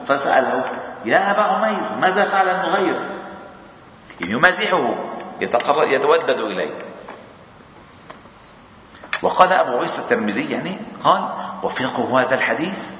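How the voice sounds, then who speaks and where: A man with a Lebanese accent teaches in a mosque, reading old texts aloud and explaining them in everyday speech with easy chuckles. His voice is bright and forward. It rings through a large, very echoey hall. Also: medium pitch. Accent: Lebanese Arabic. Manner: mixes classical reading with colloquial asides, chuckling. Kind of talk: religious lesson.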